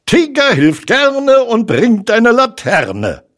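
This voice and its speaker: A man's voice: extremely high pitch, huge pitch swings, slow, a bit bright, voice pushed up, heavily acted. A man voicing an eager, cheerful male tiger in a storybook reading.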